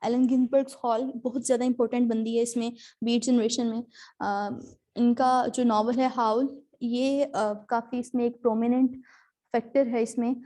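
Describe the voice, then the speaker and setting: A woman with a fairly high, mellow voice teaches a class over a video call. She explains patiently and slips terms into her lesson. Her delivery is relaxed and full of small fillers. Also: moderate pace. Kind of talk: online class lecture.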